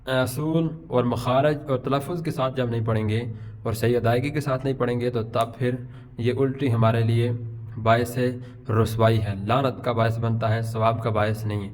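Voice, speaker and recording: A middle-aged man teaches letter sounds to beginners at an ordinary mid pitch. He explains patiently and slowly stretches each example letter so learners can copy it. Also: a little mellow, slight background noise. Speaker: Quran pronunciation teacher. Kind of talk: Urdu alphabet lesson.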